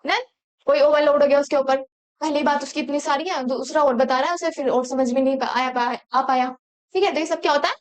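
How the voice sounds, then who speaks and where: A woman's voice: high-pitched, steady tone, brisk. A young woman teaching a lecture, mixing in English terms and asking the class rhetorical questions. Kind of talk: exam-prep lecture.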